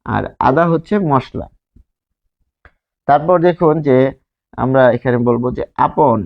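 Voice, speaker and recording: A man with a Bangladeshi Bengali accent teaching a grammar lesson at a whiteboard, explaining slowly, repeating words and asking rhetorical questions. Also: mid-range voice, creaky, lo-fi sound.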